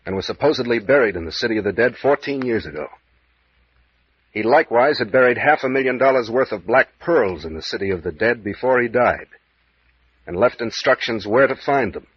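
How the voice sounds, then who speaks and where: A man playing a gruff, bossy, slangy private investigator captain in old-time radio mystery style. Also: mid-range voice. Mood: grave, narrating. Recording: dull lo-fi vintage radio recording.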